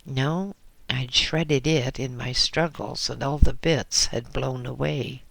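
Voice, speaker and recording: A man narrating a first-person memoir as an audiobook, in a measured, dramatic way. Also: medium pitch, fairly even intonation, vocal fry, pushed and bright, no echo. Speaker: audiobook reader.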